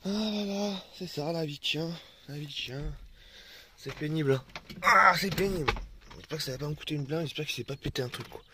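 A man's voice: on the high side, brisk, heavy background noise. A man chatting casually in a vlog, swearing freely and cooing at his dogs while filming outdoors on a phone. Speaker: vlogger.

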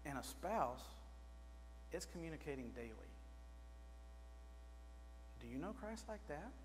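In a small church sanctuary, a man with a voice on the high side preaches a sermon at a moderate, sing-song pace. He gestures at the pulpit and asks the congregation questions in a conversational manner. A pulpit mic records the echoing room and a faint mains hum.

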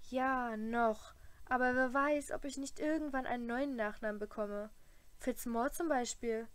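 A woman's voice: fairly high pitch, measured pace, clear, resonant tone, dry recording, natural voice. A woman reading as a sneering teenage schoolgirl rival. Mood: gloating. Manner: sneering, hissing. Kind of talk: audiobook character voice.

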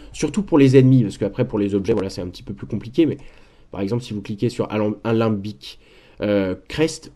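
Man, mellow tone, chatty, repeats words, casual gaming commentary. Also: mid-range voice. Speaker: gaming walkthrough creator. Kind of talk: casual screen-share commentary.

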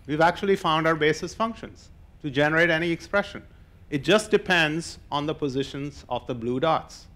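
An older mathematician and novelist delivers a public lecture from a stage in an indoor hall, laying out his explanation step by step in a relaxed, conversational way. His voice leans high with a fairly bright tone, and there is slight background noise.

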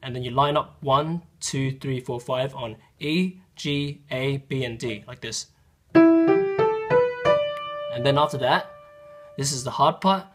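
A man teaching a casual piano tutorial, counting fingerings aloud in a loose, chatty way while getting sick and slightly hoarse. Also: mid-range voice, a little slow. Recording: loud piano music over the voice. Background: piano playing.

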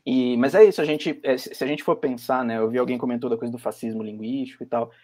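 A man's voice: mid-range voice, steady tone, quick pace, a little mellow. A Brazilian man with a Brazilian Portuguese accent, talking on a video-call panel and thinking aloud with many fillers and restarts. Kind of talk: academic panel discussion.

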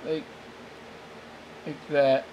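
A man with a slightly high voice hosts an amateur tech tutorial, giving a casual, unscripted how-to demonstration at a desk in a small indoor room. His delivery is flat, a little mellow, halting and rambling, and he often corrects himself. The recording is muffled with faint noise, captured by a handheld camera with him off-screen just behind it.

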